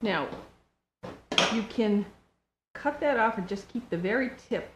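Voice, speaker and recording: An older home baker walks through a cooking demonstration in her kitchen, chatty and homespun, explaining each step. Her mid-range voice has lively intonation and a slightly slow pace, and the recording is noisy with clicks.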